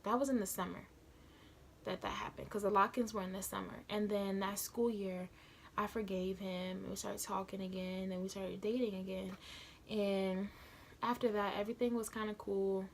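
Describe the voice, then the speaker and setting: A woman's voice: mid-range voice, little pitch movement, moderate pace, creaky, slight background noise. A young woman telling a personal story casually into a phone camera, chatty and slangy, building the drama as she retells it. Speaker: vlogger.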